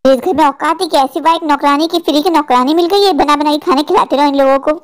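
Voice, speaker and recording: A woman's voice: high-pitched, fast, close to an everyday voice. A woman voicing a discontented young wife in a cartoon dub, complaining bitterly about her poor life. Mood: resentful.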